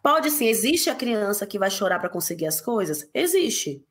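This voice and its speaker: A woman guest in a casual podcast conversation, telling stories quickly and acting out quotes. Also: medium pitch. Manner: animated, quick storytelling with acted quotes.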